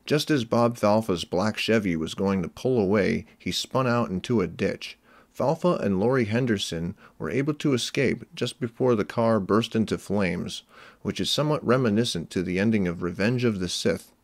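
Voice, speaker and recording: A man reading a scripted analytical narration in a measured, explanatory way. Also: lowish voice, no echo. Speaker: video essay narrator.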